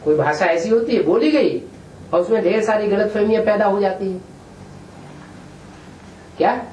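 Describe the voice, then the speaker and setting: A man's voice: sits high, moderate pace, a little mellow. Guy answering questions at a spiritual talk, explains with examples, roomy and far off, bit of hiss. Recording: roomy room from a distant mic, faint noise.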